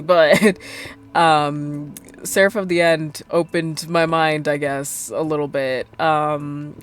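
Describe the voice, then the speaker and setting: A young adult woman streaming a game, chatting casually and rambling with lots of fillers. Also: low voice. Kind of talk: casual chat while gaming.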